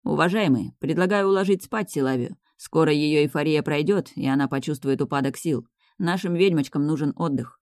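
Woman voicing a calm, firm male mage. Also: low voice, a little fast, dry recording, studio quality. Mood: caring. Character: caring, serious male mage guardian.

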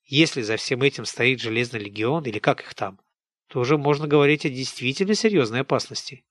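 A man narrating an audiobook in scripted, expressive storytelling narration. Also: medium pitch, no room sound, clean studio sound.

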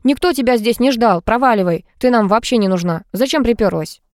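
A woman voicing a shrill, defensive woman companion who bursts out shrieking in an audiobook. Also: expressive, a little fast, no echo, clean studio sound, lightly acted. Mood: furious.

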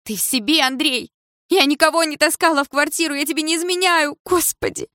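A shrill, hysterical mother , put on by a woman narrator, screaming back far above the reader's usual low voice in an audiobook quarrel. The sound is dry and close. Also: fairly quick, sharp tone, no room sound. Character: hysterical frightened mother, middle-aged woman.

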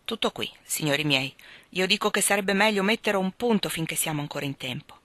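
A woman's voice: on the low side, animated, fairly quick, fairly bright tone, no echo. A woman reading aloud, voicing a ruined young nobleman who gambled away his fortune, dejected and pleading. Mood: agitated.

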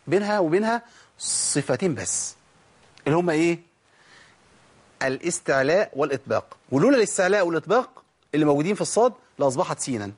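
In a fast, sing-song, somewhat high voice with a breathy edge and frequent pauses, a man with an Egyptian Arabic accent teaches Quran recitation rules in a recorded tajweed lesson. He demonstrates letter sounds and poses questions to listeners that he answers himself.

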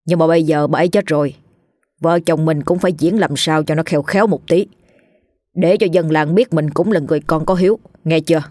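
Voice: medium pitch, steady tone, a little fast, a little mellow, no room sound, clean studio sound, natural voice. A storyteller voicing a callous, self-serving middle-aged village man who mutters offhandedly about his dead mother.

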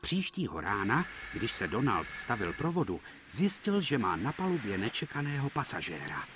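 Expressive male narrator with music. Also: mid-range voice. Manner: gentle, expressive storytelling. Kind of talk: scripted storybook narration for children.

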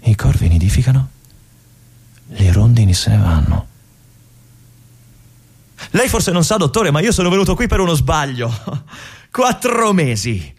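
A stage actor voices a restless young army lieutenant stuck in a remote fortress, brooding alone in a bitter, theatrical radio monologue. His husky, breathy delivery often drops to a whisper, and his lively, wide-ranging pitch swings from hushed musing to agitated outbursts. He speaks unhurriedly, pausing often, in a full character voice.

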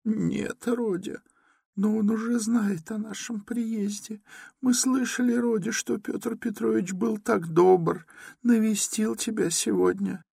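A man reading an audiobook who voices an anxious, tearful elderly mother in a high, quavering, pleading voice. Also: slow pace, vocal fry, a little mellow, slightly rough, no echo, studio quality, full character voice. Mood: fearful.

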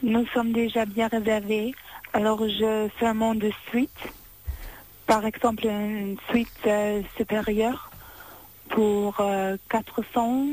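A woman hotel receptionist on a phone call, polite and formal, her French a little halting. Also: mid-range voice, level tone, a little mellow, a little hiss or hum.

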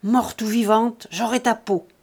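A woman reading an audiobook, voicing a brutal peasant man who growls slow threats. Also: on the high side, fairly even intonation, vocal fry, a little mellow, husky, heavily acted. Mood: menacing.

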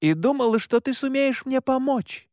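A man's voice: very high voice, lively intonation, normal speed, a little mellow, no room sound, studio quality, pitched above the performer's own voice. Man voicing a stern, commanding mother. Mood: cold, intent. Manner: harsh, commanding. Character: stern, furious mother, middle-aged woman.

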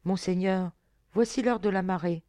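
A woman's voice: mid-range voice, normal speed, dark tone, dry recording, clean studio sound, natural voice. A woman reading aloud, voicing a brave young fisher girl who pleads earnestly. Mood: pleading earnest.

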